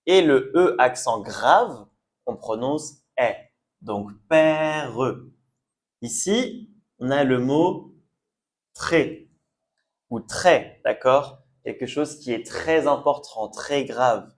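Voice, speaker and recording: Slow, patient male French teacher. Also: medium pitch. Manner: patient, repeats and checks understanding. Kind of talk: language lesson video.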